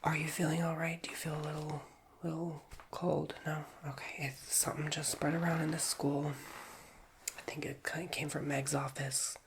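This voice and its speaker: Getting over a cold, a man whispers an ASMR roleplay as a guidance counselor at a school, rambling along in a chatty, self-deprecating way. His nasal voice is fairly high with vocal fry and little pitch movement, at normal speed, and background noise is audible.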